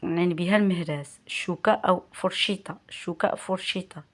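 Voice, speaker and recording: Moroccan woman reading vocabulary lists. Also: lowish voice. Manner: slow, clear, repeats each word with its standard equivalent. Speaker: language teacher.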